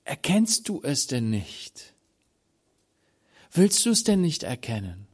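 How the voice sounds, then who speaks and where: Man, preacher, sermon, hushed to loud, acts out Bible dialogue. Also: mid-range voice, big pitch swings, takes it slowly, husky.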